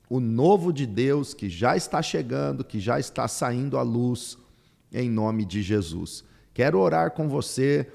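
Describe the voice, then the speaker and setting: An older man, a pastor hosting a podcast, who opens with a slow, solemn prayer and welcomes his guest. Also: medium pitch, gravelly, darkish tone, in a large hall.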